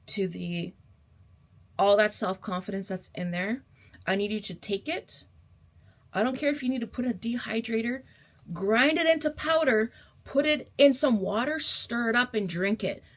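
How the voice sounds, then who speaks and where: A woman's voice: mid-range voice, fairly even intonation, moderate pace. Sassy woman giving an emphatic pep talk. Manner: sassy, emphatic and repetitive, addressing viewers as babe. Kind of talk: casual motivational pep talk to camera.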